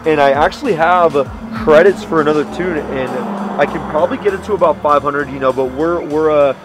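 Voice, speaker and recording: Man, somewhat high voice, car owner, casual tech talk, bro slang, music behind outdoors. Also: a little fast. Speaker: car owner interviewed about his build. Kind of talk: casual technical chat.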